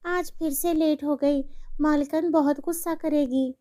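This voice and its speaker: A humble, struggling young maid from a cartoon story, acted by a woman, speaking in a pleading, respectful way. Her voice is very high-pitched and soft-toned rather than bright. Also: steady tone, measured pace.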